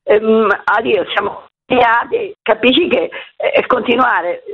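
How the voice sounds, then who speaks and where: Female radio caller on a poor mobile phone line. Husky, hesitant, muffled lo-fi sound. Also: fairly high pitch, expressive. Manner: halting, searching for words with many fillers. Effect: heard over a poor mobile phone line, not on speakerphone. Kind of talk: phone-in chat.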